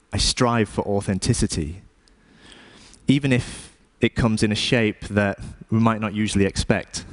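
A man from the UK, an artist giving a staged talk in a wry, unhurried way. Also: lowish voice.

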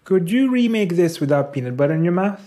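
A man's voice: high-pitched, expressive, fast, mellow, pitched above the performer's own voice. A man with a Pakistani accent voicing blunt, dismissive adult male internet commenters. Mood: snarky.

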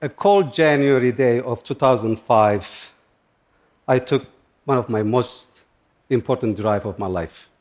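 A middle-aged man from Turkey, speaking halting in short phrases as he tells a personal story on stage. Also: medium pitch, darkish tone. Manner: plain, halting non-native English with short phrases. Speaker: speaker giving a talk.

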